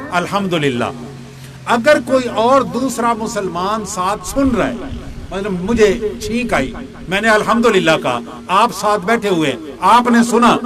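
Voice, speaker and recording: An older male preacher from Pakistan with a high voice talks a crowd through his teaching step by step. He puts questions to the listeners and answers them himself, now and then dropping into Punjabi, while the noise of the gathering carries behind him. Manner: slips into Punjabi asides. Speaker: religious teacher. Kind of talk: sermon.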